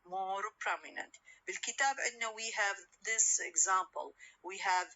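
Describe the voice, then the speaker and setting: A woman's voice: mid-range voice, expressive, a little fast, bright, forceful tone, lo-fi sound. A woman lecturer, patiently explaining and asking rhetorical questions she answers herself. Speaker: university lecturer. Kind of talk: recorded lecture, switching between English and Arabic.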